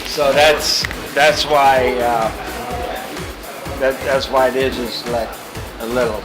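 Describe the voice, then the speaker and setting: A man's voice: medium pitch, steady tone, takes it slowly. A man in his sixties from Sweden, a vlogger chatting and asking questions while filming on a camera. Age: 60s. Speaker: vlogger host. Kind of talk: casual chat. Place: indoor restaurant with live music. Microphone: handheld camera mic. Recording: echoey room, loud live music.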